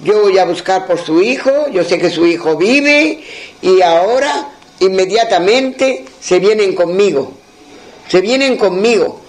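Storybook figure: a steady young healer giving gentle orders, read by a male storyteller, unhurried. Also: sits high, poor audio. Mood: reassuring. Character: young male doctor, calm and reassuring.

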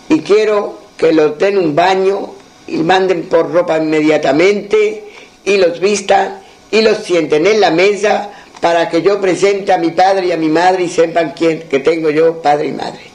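A man voicing a calm, reassuring young doctor. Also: on the high side, unhurried, close to an everyday voice, low-quality recording. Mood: formal.

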